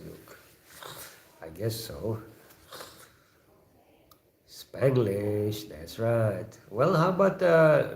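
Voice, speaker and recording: A man with an Indonesian accent hosting a live chat room, talking casually and haltingly and often repeating short phrases. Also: deep voice, gravelly, darkish tone. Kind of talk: casual chat, reading out chat messages. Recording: roomy echo, faint background noise.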